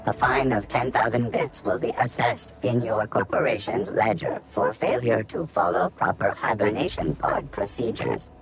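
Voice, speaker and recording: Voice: mid-range voice, lively intonation, moderate pace, few pauses, music in the background, lightly acted. A voice actor playing a glitching security robot that checks for intruders, giving stiff, clipped announcements that stutter on errors, as game dialogue. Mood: officious. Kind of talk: video game character dialogue.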